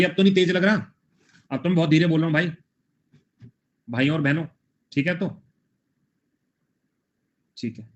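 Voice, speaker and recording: A man's voice: fairly high pitch, a bit bright, lo-fi sound. Hindi man teaching a quiz-style class. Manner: drills mnemonics with repetition, addresses students as brothers. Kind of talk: live online GK class.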